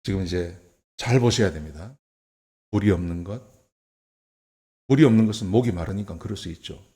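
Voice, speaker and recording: A man preaching a sermon as pastor, talking conversationally with rhetorical questions and swinging from soft to emphatic. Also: deep voice, normal speed. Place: church.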